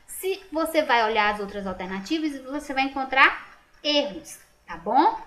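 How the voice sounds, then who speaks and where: A woman's voice: high-pitched, animated, normal speed, a bit bright. A Brazilian woman teacher patiently going over a school exam, asking and answering her own questions. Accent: Brazilian Portuguese. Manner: patient, checks answers aloud with rhetorical questions. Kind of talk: exam correction lesson.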